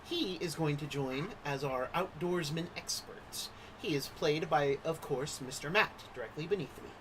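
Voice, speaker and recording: A man's voice: on the high side, moderate pace, background noise. A man hosting as game master, introducing and narrating a tabletop game like a theatrical storyteller.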